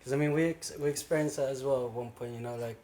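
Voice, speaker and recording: A man's voice: medium pitch, steady tone, fast talker, mellow. Young guy co-hosting, super casual, says like and you know a lot, slight hiss behind. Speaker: podcast co-host. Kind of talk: casual interview.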